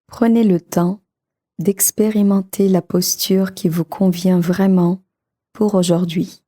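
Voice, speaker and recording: A woman guides a sleep meditation in a calm, soothing, measured way. Her soft, fairly low voice turns breathy at times.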